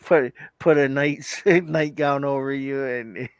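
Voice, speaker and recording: A man's voice: medium pitch, fairly even intonation, takes it slowly, clear, resonant tone. A man in casual banter who teases his friend and laughs often.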